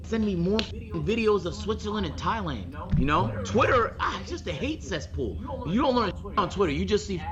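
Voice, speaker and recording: High-pitched slangy man streaming. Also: very animated, normal speed, muffled recording, over music. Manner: slangy, profane, exclamatory. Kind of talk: casual reaction commentary to a chat.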